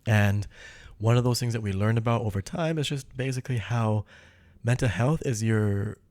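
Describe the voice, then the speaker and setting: A man from Canada, a guest on a podcast, talking thoughtfully in quick bursts with self-deprecating asides. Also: fairly low pitch, darkish tone, dry recording. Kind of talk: casual conversation.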